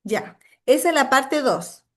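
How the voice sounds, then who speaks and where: A woman's voice: high voice, expressive, slow pace, fairly bright tone. A Chilean woman, a psychologist leading a training class, explaining with examples and acting out what she says to children. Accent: Chilean Spanish. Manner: checks in often with "cierto?". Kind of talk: online training lecture.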